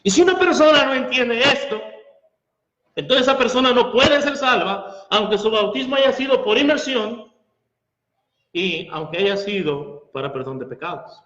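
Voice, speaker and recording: A man's voice: extremely high pitch, animated, moderate pace, fairly bright tone. A male preacher giving a sermon, arguing his point through Bible verses and rhetorical questions. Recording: echoey hall, dull lo-fi sound.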